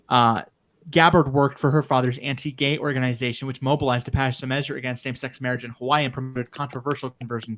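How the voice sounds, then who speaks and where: A man's voice: medium pitch, fairly bright tone. A young man co-hosting a casual political stream, reading notes aloud with crude asides and frequent restarts. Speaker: stream co-host.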